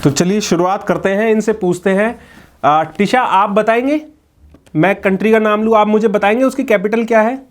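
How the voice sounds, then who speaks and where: Speaking at normal speed in a high voice, this man is a local news reporter interviewing a family. He quizzes the children, talks with their mother, and sounds amazed as he goes.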